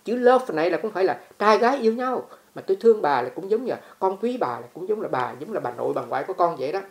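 Lady doing a young guy sweet-talking, earnest, quick. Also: lowish voice, lively intonation, a little mellow. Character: young male caretaker, eager to please.

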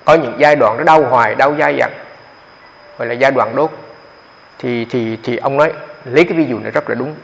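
A man's voice: mid-range voice, brisk, vocal fry, pauses often. A man, a Buddhist monk giving a dharma talk on meditation in a conversational, explanatory way, often repeating his words. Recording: echoey hall, dull lo-fi sound.

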